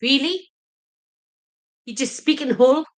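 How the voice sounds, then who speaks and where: A woman's voice: sits high, slow pace. A woman co-hosting a casual live chat, chatty and teasing her husband. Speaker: livestream co-host.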